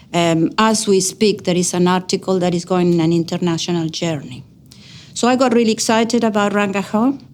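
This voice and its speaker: A middle-aged woman from Argentina, a native Spanish speaker with a Spanish accent, gives a personal account as an educator and researcher, speaking earnestly and stressing key words. Her voice is medium-pitched and a little mellow, with a slight hiss or hum in the background.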